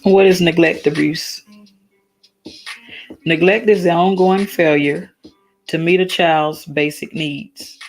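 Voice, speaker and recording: A woman's voice: on the low side, steady tone, takes it slowly, long pauses, faint music behind. A tired woman with a slightly worn voice hosts a casual solo talk. She speaks earnestly, halts and restarts, and reads definitions aloud. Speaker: talk stream host.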